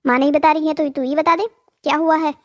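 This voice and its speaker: A voice actor playing a gentle, worried mother in a cartoon story, speaking softly to calm her son. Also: high-pitched, fast talker, close to an everyday voice. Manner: soft, calming, pleading.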